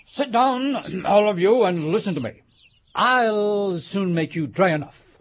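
A woman voicing a pompous, self-important mouse in a storybook, lecturing in a stuffy, grand manner with a husky voice. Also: mid-range voice, expressive. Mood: commanding. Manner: stuffy, grand lecturing with throat-clearing and pauses.

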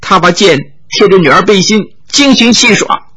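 A man's voice: high-pitched, normal speed, bright, forceful tone, husky, voice pushed up, exaggerated voice. A man voicing a frightened, spoiled young girl who cries and pleads shrilly for her father. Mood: whining.

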